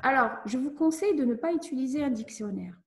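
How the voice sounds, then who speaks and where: A woman teacher giving a lesson to children, speaking slowly and clearly as she explains each step. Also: high-pitched, animated. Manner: slow, clear, instructive. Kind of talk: classroom lesson narration.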